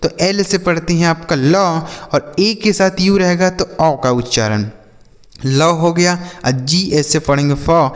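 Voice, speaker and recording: A man's voice: a little high, slow, big-room sound. A man teaching children to read, patiently asking questions and answering them himself. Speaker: English teacher. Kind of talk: YouTube reading lesson for children.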